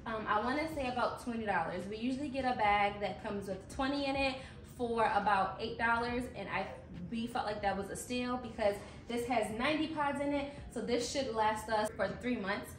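A young woman vlogger casually walks through her grocery haul in a home kitchen, chatty and matter-of-fact, with a fairly high voice at normal speed. A camera a few feet away catches her from across the counter, so there's roomy kitchen echo, a distant sound, and a little hiss or hum.

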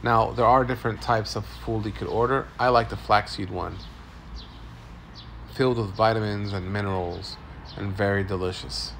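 A man in his forties with a low, gravelly voice gives upbeat walk-and-talk commentary on street food. He films on a phone at arm's length outside among city food stalls. A faint hiss of street noise sits under his talk. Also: fairly even intonation, moderate pace, fairly bright tone. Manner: upbeat, tour-guide commentary. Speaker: food vlogger.

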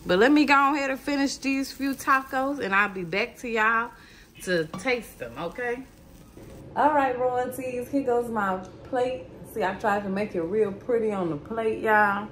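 A woman's voice: fairly high pitch, unhurried, fairly bright tone, slight background noise. A woman in her thirties hosting a casual cooking vlog from her home kitchen, chatty and talking straight to her viewers. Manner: chatty, addresses viewers as y'all and baby. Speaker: cooking channel host.

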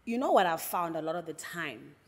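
A woman's voice: deep voice, big pitch swings, a little fast, in a large hall. A woman with a South African accent, speaking earnestly as a podcast co-host and mixing English with Sesotho in casual panel talk.

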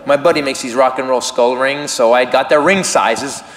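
A man telling a self-mocking story on stage as a stand-up comedian, animated and acting out voices. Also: mid-range voice, normal speed. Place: comedy stage before a crowd. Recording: roomy live venue with audience.

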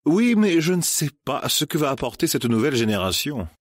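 A man putting on a snobbish older society woman from a storybook, voice raised high and pinched with disdain. The recording is dry and close. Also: sing-song, fairly quick, no echo. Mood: disdainful. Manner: haughty, pinched.

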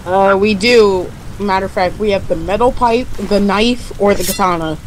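Deadpan woman playing along in a game. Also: mid-range voice, normal speed, a little hiss or hum, poor audio. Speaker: gaming friend. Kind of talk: casual gameplay banter.

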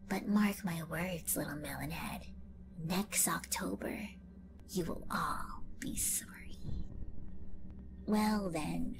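A woman voicing a scheming, gloating evil lemon clone villainess in an online fan story, delivering a slow, menacing monologue in a whispery voice. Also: lowish voice, noisy background. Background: music.

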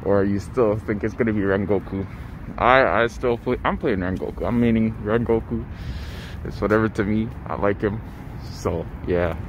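A young man films a casual school vlog on a phone held at arm's length as he moves through indoor school hallways, his fairly low voice at normal speed against a noisy background. He's playful, laughs, and repeats his words.

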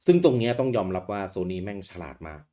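A man with a low, deep voice talks through old game hardware in a loose, chatty podcast way. He keeps things relaxed and throws in casual swear words as he goes. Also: fast. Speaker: podcast co-host. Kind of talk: casual chat about retro games.

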